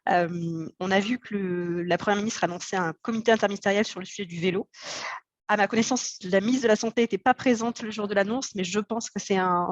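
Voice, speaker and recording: A woman's voice: medium pitch, dry recording. A woman making spontaneous remarks as a speaker in a webinar panel.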